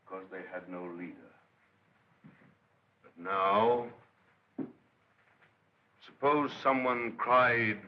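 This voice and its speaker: A man's voice: fairly low pitch, very slow, pauses often, a little hiss or hum. An actor playing a middle-aged male master craftsman who rails against progress in impassioned, declamatory speeches, in 1930s film acting. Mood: rousing. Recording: dull lo-fi 1930s film soundtrack.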